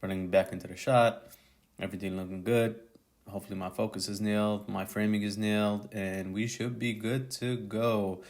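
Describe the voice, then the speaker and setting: A man's voice: lowish voice, flat delivery, moderate pace. A male photographer narrating his tutorial video as a voice-over, in a casual, slangy way that sounds like thinking aloud. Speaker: photographer and YouTuber.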